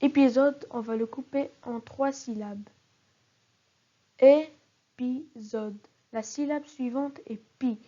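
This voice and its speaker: A woman's voice: high-pitched, steady tone, a little slow, hardly any pauses, mellow. A woman teaching a recorded spelling lesson, carefully spelling out example words syllable by syllable. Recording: dull lo-fi recording.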